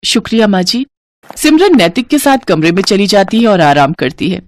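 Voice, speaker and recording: A woman narrating a horror story in an even, expressive storytelling way. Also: medium pitch, moderate pace.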